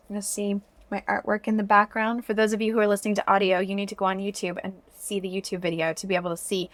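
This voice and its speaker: A woman speaks as a podcast host in a casual, chatty style, addressing her listeners directly. Her delivery is expressive, with a mid-range pitch, and the sound is close and dry with very little room. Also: no echo.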